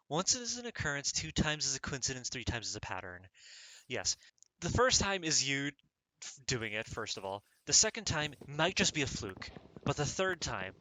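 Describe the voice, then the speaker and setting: A man's voice: medium pitch, sharp tone, slight background noise, low-quality recording. A man hosting his own gaming channel, chatting casually over play in an earnest, meandering way with many restarts, on a cheap microphone. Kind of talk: casual let's-play commentary.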